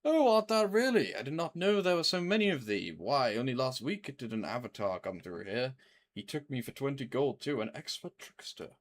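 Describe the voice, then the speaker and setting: Guy doing a stern fantasy game shopkeeper, haughty old-timey talk, swingy pitch. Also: big pitch swings, normal speed, natural voice. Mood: stern, scornful. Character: stern, grudging shopkeeper, once a strong fighter.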